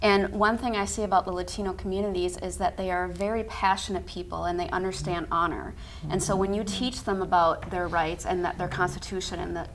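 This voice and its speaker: A woman speaks as a radio guest in a slightly low voice. She gushes with enthusiasm and keeps dropping casual fillers as she goes. Faint background noise runs under her. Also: fairly bright tone. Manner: passionate, gushing, with frequent fillers. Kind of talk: talk radio interview.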